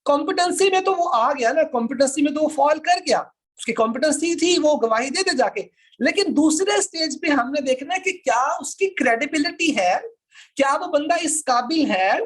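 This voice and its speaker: A law lecturer with a Pakistani accent teaches students online in a didactic style, repeating points for emphasis and mixing English terms into his speech. His voice is extremely high-pitched and fairly bright, with lively intonation and a moderate pace.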